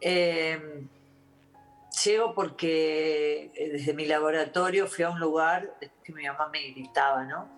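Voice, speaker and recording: A woman with an Argentine accent, a doctor giving interview testimony in a halting, reflective way, with many restarts and fillers. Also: low-pitched, soft background music. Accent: Argentine Spanish.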